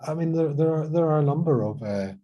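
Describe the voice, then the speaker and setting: Scottish man, middle-aged, panel discussion, hesitant restarts, dark mellow tone. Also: on the high side, lively intonation, fast. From Scotland. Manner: thoughtful, hesitant, many restarts and fillers. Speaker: conference panelist.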